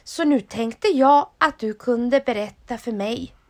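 Woman reading small soot monster with yellow eyes, chatty, higher-set voice, storybook.

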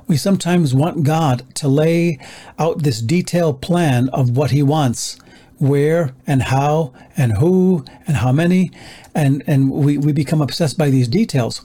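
A man preaching with a husky, mellow voice that sits a little high for a man. His delivery is measured and earnest as he walks through scripture. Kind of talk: sermon.

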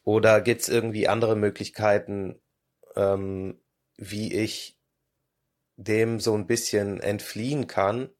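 Hesitant low-voiced man musing. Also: steady tone, slow pace. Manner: hesitant, many filler sounds, thoughtful. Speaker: guest, 3D illustrator. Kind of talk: casual podcast conversation.

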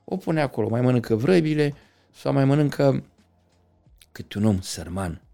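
A middle-aged man talking as an interview guest, passionate, swinging from loud outbursts to quiet reflection. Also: mid-range voice, animated, vocal fry. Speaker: podcast guest. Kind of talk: conversational interview.

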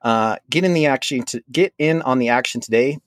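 Chatty fantasy football podcast host. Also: male voice, medium pitch, a little fast, no echo, studio quality. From Minnesota. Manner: chatty, rambling with restarts. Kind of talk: casual sports podcast chat.

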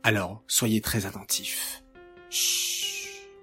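A man telling a story to children in a gentle, clearly enunciated, slow reading voice. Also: mid-range voice, expressive, soft background music.

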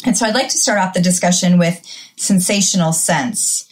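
A woman with a Midwestern accent, explaining wellness topics in a gentle, earnest, casual chat. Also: on the low side, moderate pace. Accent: Midwestern American.

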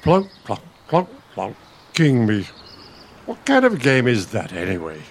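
In a radio play, a man with a medium-pitched voice and huge pitch swings plays an irritable elderly bookish husband, a pompous retired college dean. He speaks at a measured pace, testy, condescending and sardonic, sounding exasperated, with a little hiss or hum on the recording.

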